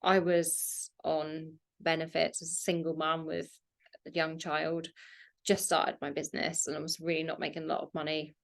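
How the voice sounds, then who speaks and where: A woman in her thirties hosts a podcast, chatting casually and prompting her guest with questions between laughs. Her voice is low-pitched with a level tone and vocal fry, and she speaks at a normal speed.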